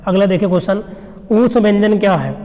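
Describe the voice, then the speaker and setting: A man's voice: sits high, fast, dark tone, long reverb tail. A male teacher giving an exam revision lecture, who asks questions and then answers them himself. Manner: explains by asking and answering his own questions.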